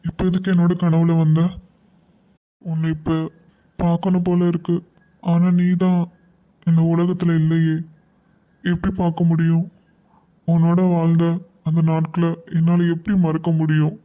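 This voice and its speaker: A man voicing a soft-spoken, affectionate husband who misses his late wife, in a cartoon. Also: fairly high pitch, completely flat delivery, unhurried, pauses often, natural voice. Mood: wistful.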